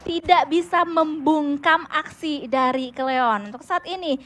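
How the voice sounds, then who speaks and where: A woman's voice: sits high, a little slow, a bit bright. A woman with an Indonesian accent giving flowing, wordy live commentary on an esports match. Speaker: esports caster.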